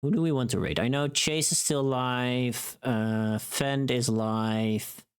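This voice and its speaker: A tired-sounding livestreamer talks slowly in a clean, medium-pitched voice right up against the microphone. The long recording shows in his voice as he rambles informally with some mild swearing.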